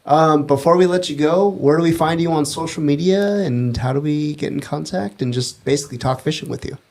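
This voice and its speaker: A man's voice: on the high side, fairly quick, darkish tone. A man hosting a podcast in casual interview chat, appreciative and agreeable. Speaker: podcast host.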